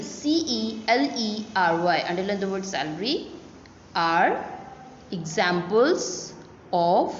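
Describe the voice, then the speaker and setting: A woman teacher giving a recorded lesson to young children, slowly spelling out words letter by letter. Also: mid-range voice, a bit bright. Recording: dull, roomy recording with faint hum.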